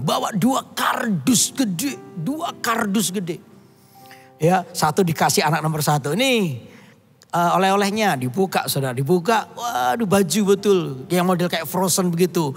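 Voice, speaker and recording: Male preacher, husky high voice, animated storyteller, long church reverb. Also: fairly quick, soft background music. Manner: animated storytelling, voicing characters, addressing congregation. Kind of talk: sermon with acted story. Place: church hall.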